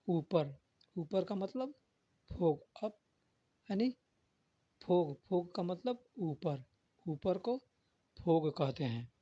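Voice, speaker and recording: Slow, patient man teaching vocabulary. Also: on the high side, darkish tone. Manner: repeats each word and meaning patiently. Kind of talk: spoken language lesson. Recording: dull, lo-fi dry recording.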